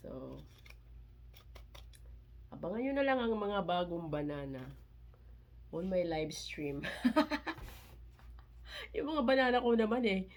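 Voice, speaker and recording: A woman unboxing a parcel in a casual vlog, chatty and excitable, with little squeals of delight and mixed English phrases. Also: medium pitch, a little slow, pauses often. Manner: excitable, squeals and laughs between items; mixes Tagalog and English, chatty. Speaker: vlogger.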